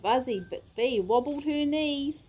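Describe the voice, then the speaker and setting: Woman reading a picture book, sing-song rhymes, high lively voice, unhurried. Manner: sing-song, expressive rhyming delivery. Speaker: storybook reader.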